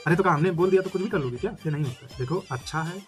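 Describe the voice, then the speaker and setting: Young male comic, high-ish rapid delivery, blustering then meek on a phone call. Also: soft background music. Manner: brash boasting that turns sheepish and backpedaling. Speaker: comedian playing a brother on the phone.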